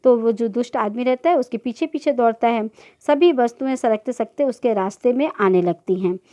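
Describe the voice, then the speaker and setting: A woman's voice: fairly high pitch, moderate pace, mellow. A woman teacher reading a children's play aloud to a class, voicing each character's lines in turn. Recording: dull lo-fi recording.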